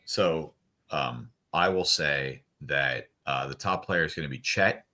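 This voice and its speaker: A man, an event organizer, chatting on a podcast in an animated, jokey way, with bursts of loud mock outrage. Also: rumbling low, a little slow. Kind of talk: casual podcast chat.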